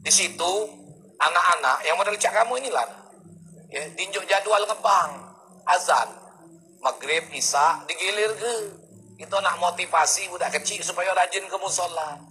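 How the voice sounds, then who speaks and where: A man's voice: high voice, normal speed, pushed and bright, poor audio. A male preacher, giving a humorous sermon full of stories and acted-out quotes. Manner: jokey storytelling with acted-out quotes.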